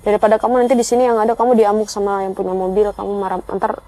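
Woman doing a pushy, hurried local man. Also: medium pitch, flat delivery, warm tone, close to an everyday voice. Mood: urging. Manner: urgent, insistent, shooing.

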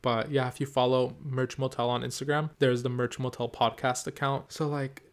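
An excitable man talking alone into his podcast mic, rambling and full of fillers as he hops from story to story. His pitch sits in an ordinary middle range for a man. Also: moderate pace. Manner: excitable, rambling, lots of "like" and laughs. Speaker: podcast host. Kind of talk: solo casual podcast chat.

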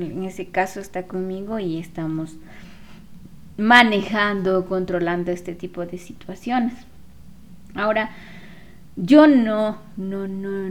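A woman who works as a spiritual therapist, telling viewers about her past in a casual, unhurried way, with many fillers and self-corrections. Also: medium pitch, darkish tone. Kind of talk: casual personal storytelling to viewers.

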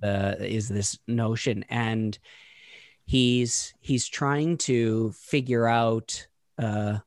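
A man's voice: on the low side, fairly even intonation, no room sound. Thoughtful man musing aloud, very dry sound. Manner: thoughtful, halting, many restarts and fillers. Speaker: podcast co-host. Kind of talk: casual conversational discussion.

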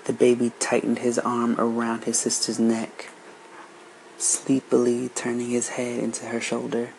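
A man narrates a story aloud, slow and measured. His voice sits in a middling register. A faint hum of background noise runs under the recording. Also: medium pitch, completely flat delivery, creaky, a little mellow, rough recording.

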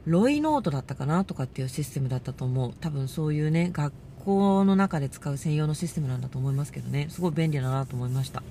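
A woman hosting a casual monologue, telling a story with lively delivery and acting out the voices she quotes. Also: deep voice, quick pace, hardly any pauses, a little hiss or hum. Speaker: podcast host.

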